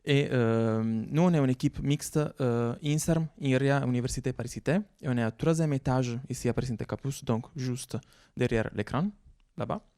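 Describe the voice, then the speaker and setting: Italian-accented male researcher, gravelly voice, hesitant, many fillers, dry close sound. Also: mid-range voice, normal speed, warm tone, dry recording. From Italy. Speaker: researcher presenting. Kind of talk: conference presentation.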